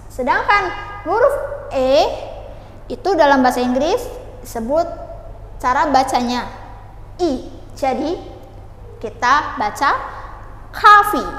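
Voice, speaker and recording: High-voiced woman teacher, slow and echoey. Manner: patient, asks and answers her own questions, models pronunciation slowly. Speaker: English teacher. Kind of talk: beginner language lesson. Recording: echoey room with long reverb, faint ambience.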